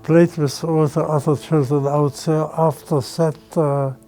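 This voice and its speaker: A man's voice: a little high, flat delivery, a little slow, warm tone, faint music behind, rough recording. A man in his nineties from Germany, recounting his childhood plainly and matter-of-factly in an oral history interview. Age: 90s. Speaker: Holocaust survivor interviewee.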